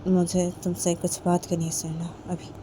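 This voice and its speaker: A woman voicing a calm middle-aged father who speaks gently but firmly and repeats himself. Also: fairly low pitch, moderate pace, noisy background, lightly acted.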